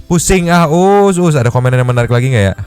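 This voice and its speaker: A man's voice: expressive, quick pace, a little mellow, clean tone. A man hosting a casual chat, reacting to clips with mocking commentary and laughing often. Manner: mocking, jumps high to imitate others, laughs often. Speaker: podcast host reacting to clips. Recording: music playing faintly behind.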